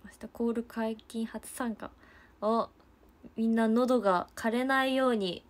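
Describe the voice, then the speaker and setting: A woman's voice: fairly high pitch, steady tone, measured pace. A young woman with a chatting casually to fans on a livestream, giggling often.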